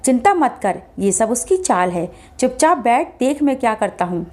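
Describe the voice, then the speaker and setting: A woman's voice: a little high, big pitch swings, moderate pace, a little mellow. A woman voicing a stern, confident older male exorcist who gives orders in a fatherly way. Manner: commanding, fatherly.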